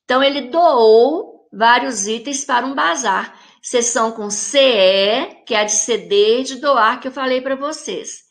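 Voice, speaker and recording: A woman with a Brazilian Portuguese accent teaching a recorded grammar lesson for children, explaining slowly and carefully to her pupils. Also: fairly high pitch.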